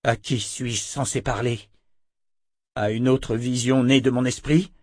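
A man's voice: mid-range voice, fairly even intonation, unhurried, darkish tone, no room sound, studio quality, lightly acted. Young hero swordsman, defiant, tense, read by a male narrator. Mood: wary.

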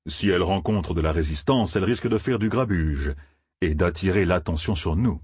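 A cloaked old gleeman speaks with slow, measured caution, as a man reads him. The voice has a husky grain and sits close and dry in an audiobook. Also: low voice, darkish tone, dry recording. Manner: slow, weighty counsel.

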